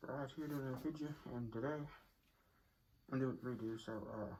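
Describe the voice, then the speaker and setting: A man's voice: medium pitch, steady tone, brisk. Young guy vlogging with his mouth covered by a mask, all muffled, bit of background noise. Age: young adult. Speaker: video host. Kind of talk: casual vlog. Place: garage, phone on tripod a few feet away.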